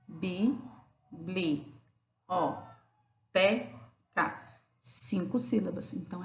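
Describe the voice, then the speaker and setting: A woman teaching a recorded lesson for children, patiently asking and answering her own questions and spelling out syllables slowly. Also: mid-range voice, creaky, dark tone, slight background noise. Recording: roomy echo.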